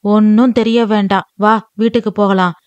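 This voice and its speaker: A woman's voice: mid-range voice, steady tone, moderate pace, darkish tone, no echo, highs cut off, natural voice. A woman reading an audiobook, voicing a loving, teasing old grandmother with folksy, affectionate speech.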